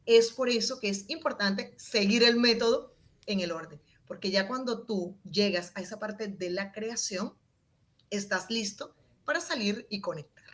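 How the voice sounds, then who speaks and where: At a measured pace and medium pitch, a woman being interviewed breaks down her way of speaking in public. She varies her volume and tone expressively as a demonstration.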